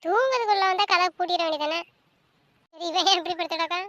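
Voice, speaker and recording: Brief: woman as an anxious elder sister, very high bright voice, nagging and insistent. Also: fast. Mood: agitated. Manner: frets aloud, calls out insistently. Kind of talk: family web-series drama acting.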